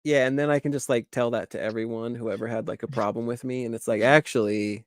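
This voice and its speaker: A man's voice: medium pitch, fairly even intonation, fast talker, darkish tone, dry recording, clean studio sound. A man co-hosting a casual toy live stream, joking dryly and sounding tired. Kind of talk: casual chat.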